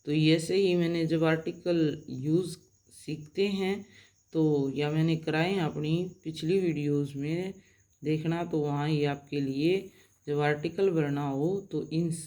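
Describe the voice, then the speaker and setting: Slow, deliberate woman teaching pronunciation. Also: low voice, dark tone. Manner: spells out letters and sounds slowly and deliberately. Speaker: English teacher. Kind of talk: lesson on English vowel pronunciation.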